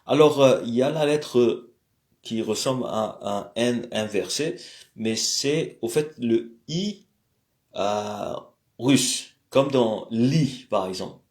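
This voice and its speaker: A man talks through an alphabet lesson at a very slow pace. He hesitates often and fills gaps with fillers. He repeats example words carefully so the listener can hear how they sound. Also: medium pitch, a little mellow. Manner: hesitant, many fillers and self-corrections; repeats words slowly for pronunciation. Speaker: language teacher.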